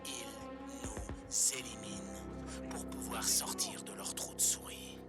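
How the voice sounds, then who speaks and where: A man's voice: medium pitch, wildly swooping pitch, slow, over loud music. An actor playing a paranoid male pirate radio host in a game, ranting grimly over a pirate radio broadcast. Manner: grim, ranting, conspiratorial. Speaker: radio announcer.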